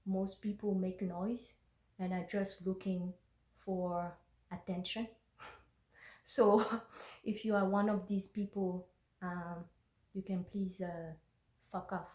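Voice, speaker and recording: A French-speaking woman who does intuitive energy work talks slowly in a personal vlog, her mid-range voice a little mellow with little pitch movement. She pauses often, filling gaps with ums and uhs, then reads her journal aloud. It's a roomy phone recording.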